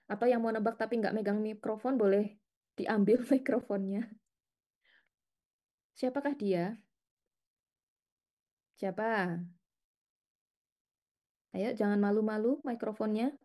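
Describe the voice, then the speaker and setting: A middle-aged woman lecturer teaching an interactive class, lively and chatty, coaxing students to answer and laughing often. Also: medium pitch, slow, long pauses.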